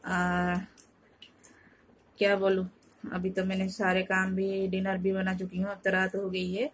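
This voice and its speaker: A tired woman from Odisha, India, telling a home vlog in a casual, halting way, often searching for words and restarting. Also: medium pitch, completely flat delivery, slight background noise. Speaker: vlogger. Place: home at night.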